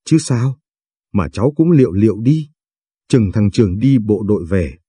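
Guy doing a frail old grandpa near the end, weary, teasing a little, low husky voice, dry close sound. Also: expressive, normal speed, mellow, dry recording. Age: older.

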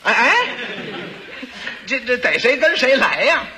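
A man's voice: extremely high pitch, sing-song, unhurried, bright, forceful tone, slight background noise, voice pushed up, heavily acted. A man voicing a scheming court minister who protests in a wheedling, stammering way. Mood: sly.

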